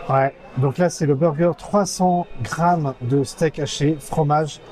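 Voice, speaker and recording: A man's voice: a little high, fairly even intonation, slow pace, a little mellow, soft background music. A man hosting a casual vlog, reading a diner menu aloud with many hesitant fillers and teasing his companion. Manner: playful and affectionate with his companion. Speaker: vlog host. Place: American-style diner restaurant.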